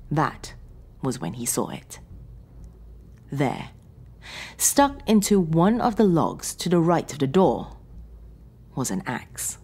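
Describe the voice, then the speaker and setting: A woman's voice: rumbling low, a little mellow, slight background noise. A woman narrating a scripted horror story in a dramatic, suspenseful reading.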